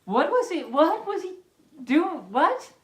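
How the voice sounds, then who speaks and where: Reading a picture book to children, this woman uses a very high-pitched, swooping, lively voice and often wanders off into casual, stop-start commentary. Playful all the way through, she's recorded in an echoey, reverberant room.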